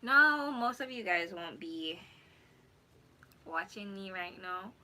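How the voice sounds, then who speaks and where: A woman's voice: mid-range voice, slow, low-quality recording. A young woman from Jamaica chatting casually and rambling on her first live stream from home, correcting herself as she goes. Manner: rambling, relaxed, self-correcting. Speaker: YouTuber. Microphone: phone. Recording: faint background ambience.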